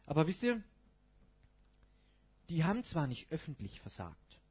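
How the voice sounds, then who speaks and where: Male pastor giving a sermon in a casual tone, with an animated, husky voice on a dull lo-fi recording. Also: fairly high pitch, unhurried. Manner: colloquial, asks the congregation rhetorical questions.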